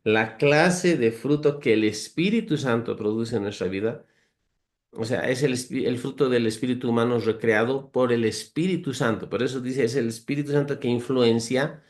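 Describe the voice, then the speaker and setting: At a moderate pace, a man reads Bible verses aloud and explains them with earnest care in a conversational style. His pitch is ordinary. He goes through virtues one by one, addresses listeners as brothers, and leans on humorous, homely comparisons.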